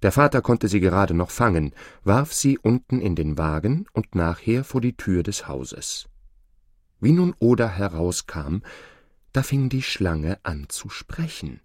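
A man narrating a fairy tale audiobook in a slow, expressive storytelling manner. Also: low-pitched, no room sound, studio quality.

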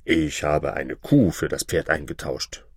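A man voicing a simple, content old farmer who speaks plainly and calmly. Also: unhurried, no echo, studio quality. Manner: plain, calm, low.

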